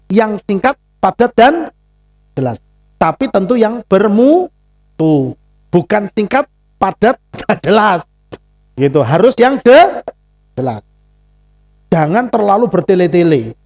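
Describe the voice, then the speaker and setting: A male pastor with a Javanese accent preaching a sermon, animated and acting out little dialogues. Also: high-pitched. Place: congregation church.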